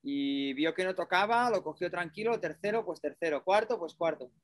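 A man's voice: high voice, lively intonation, moderate pace, dry recording, clean studio sound. A man with a Spanish accent from Spain chatting casually and colloquially about sports, offering his opinions.

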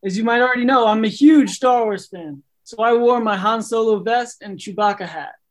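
A man plays an eager, high-voiced guest who gets excited about his favorite films. He delivers his scripted lines plainly. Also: normal speed, close to an everyday voice. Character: eager male fan scholar guest.

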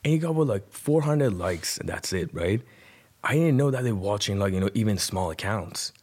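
With a fairly low, darkish voice, this Persian-speaking man from Iran sounds animated and keeps a moderate pace. He's a rapper in his twenties guesting on a podcast, narrating his own experiences in an Iranian accent and a colloquial style peppered with "like" and "you know."

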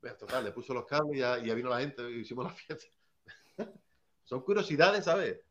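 A man's voice: medium pitch, expressive, a little fast. Rambling man, muffled sound. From Seville, Spain. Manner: rambling, tags lines with "¿sabes?". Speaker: early hip hop artist. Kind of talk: casual anecdote-telling.

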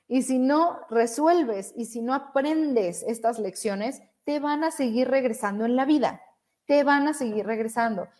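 Upbeat woman coaching on a live stream. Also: fairly high pitch. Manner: warm, encouraging, reads out viewer comments. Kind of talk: motivational live stream talk.

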